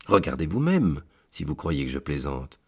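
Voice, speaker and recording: A man voicing Saint Peter as a kindly old keeper of heaven's book, calm and fatherly. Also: rumbling low, normal speed, breathy edge, full character voice.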